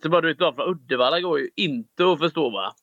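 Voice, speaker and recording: Male co-host, teasing and jokey, bright fairly high voice, dry close mic. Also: animated, no echo, highs cut off. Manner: teasing, joking. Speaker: podcast co-host. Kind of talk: casual chat.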